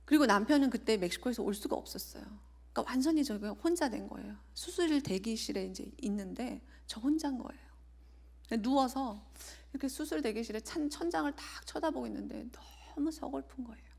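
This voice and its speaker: Earnest woman preacher, slightly high voice. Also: brisk, creaky, a little mellow. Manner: earnest, often dropping to a near whisper. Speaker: evangelist. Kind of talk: sermon with personal testimony.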